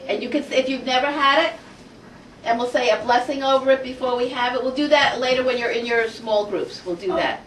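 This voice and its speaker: A woman teaching a Hebrew phonics lesson to a class, energetic and coaxing, asking the group question after question. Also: sits high, a little fast, a little hiss or hum. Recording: roomy classroom audio from far off.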